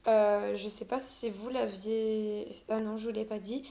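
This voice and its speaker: A woman's voice: mid-range voice, steady tone, unhurried, dark tone. A woman giving casual commentary while playing a video game, hesitant and full of fillers, and she stammers often. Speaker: gaming video creator.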